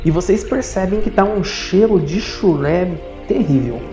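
A woman narrating as game master of a tabletop game, telling the story in a lively way. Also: fairly low pitch, unhurried, soft background music. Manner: lively storytelling with animated rises. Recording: roomy, dull lo-fi sound.

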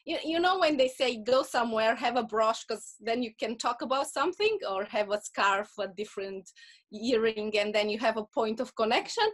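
A high-pitched woman guest speaks English with a non-native accent. She tells her stories in an animated, chatty way and laughs often. Her voice comes through clean, with nothing much behind it. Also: moderate pace. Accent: foreign, non-native English. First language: not English. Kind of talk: casual conversation.

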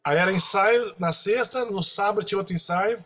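A Brazilian man with a Brazilian Portuguese accent, a percussionist guest excitedly telling stories in a podcast interview, full of slangy asides. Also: high-pitched, fairly quick.

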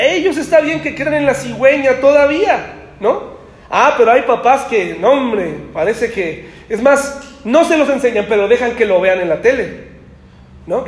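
Male preacher with a very high voice, chatty sermon delivery full of rhetorical questions, roomy echo. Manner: conversational, asks the congregation rhetorical questions.

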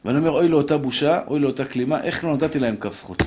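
A middle-aged man giving a lively Torah lesson, acting out voices in his stories and addressing his listeners fondly. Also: a little high, a little hiss or hum. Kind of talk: lively sermon with anecdotes.

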